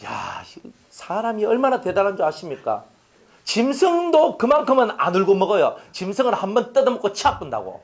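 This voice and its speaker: Male pastor, high voice, very lively pitch, loud-to-hushed sermon. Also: fairly quick. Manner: animated, swings from loud to hushed, rhetorical questions to congregation. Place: church sanctuary.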